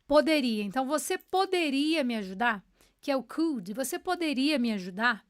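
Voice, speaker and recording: A high-pitched woman runs an online English lesson with an upbeat, encouraging manner. She explains patiently and says each example phrase slowly and clearly, then checks that her viewers are following. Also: big pitch swings. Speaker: English teacher.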